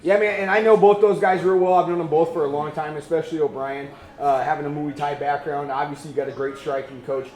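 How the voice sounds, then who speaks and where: A man's voice: on the high side, level tone, fast, few pauses, a little mellow. A man hosting an upbeat pre-fight MMA interview in a slangy, teasing, chummy way. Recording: echoey room.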